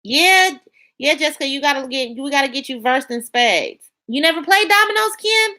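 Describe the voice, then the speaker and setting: Bright-voiced woman chatting on a livestream. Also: sits high, lively intonation, normal speed. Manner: chatty, colloquial, talks to viewers by name. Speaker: livestream host reading chat. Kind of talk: casual live-stream chat.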